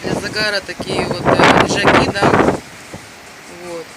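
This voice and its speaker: Slow-talking woman in loud wind. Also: medium pitch, little pitch movement. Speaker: amateur vlogger filming from a balcony. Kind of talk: casual spontaneous narration to camera. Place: outdoors on a windy high balcony. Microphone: handheld camera mic buffeted by wind. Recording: loud wind noise buffeting the microphone.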